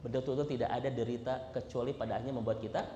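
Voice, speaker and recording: A man's voice: medium pitch, steady tone, rapid-fire, warm tone, lo-fi sound, a little hiss or hum. Man preaching in an echoey hall. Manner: addresses congregation constantly with "Pak" and "Bu"; asks the audience rhetorical questions. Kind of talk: sermon. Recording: echoey hall, faint ambience.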